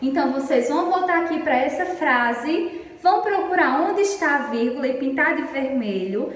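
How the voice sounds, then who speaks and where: A woman from Brazil, a primary school teacher, giving a recorded lesson for children in an affectionate, slow, explanatory way, reading example sentences aloud drawn out. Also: sits high, animated. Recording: echoey room, distant mic, faint noise.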